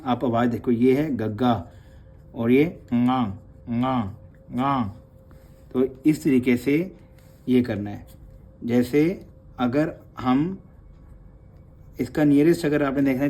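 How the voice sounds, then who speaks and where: A man teaching a class on the letters of the script, calm and patient. He says each sound over and over so learners can copy it, and drops English words into his explanations. His voice is mellow and sits at an everyday pitch. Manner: opens with soft, low devotional recitation. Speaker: Gurmukhi teacher. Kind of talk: online class lesson.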